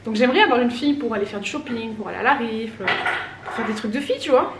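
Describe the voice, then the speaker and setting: A woman's voice: on the high side, animated, fast talker. Chatty, rambling French woman vlogger. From France. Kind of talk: casual chat to camera. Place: home, indoors, folding laundry. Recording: roomy echo, distant mic, background noise.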